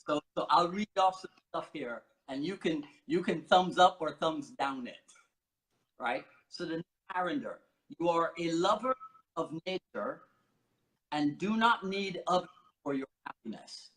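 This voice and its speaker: A man from Barbados with a notably high-pitched voice hosts the conversation. He is playful and teasing, reading notes aloud and poking fun at his guest. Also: measured pace, a bit bright, low-quality recording. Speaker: podcast host. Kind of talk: casual interview questioning.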